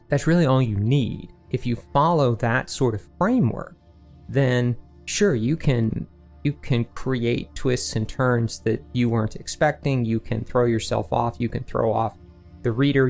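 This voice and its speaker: A man with a medium-pitched, darkish voice and some vocal fry speaks as a guest author in a casual interview recorded remotely online. He explains his process using rhetorical questions and quoted asides to himself.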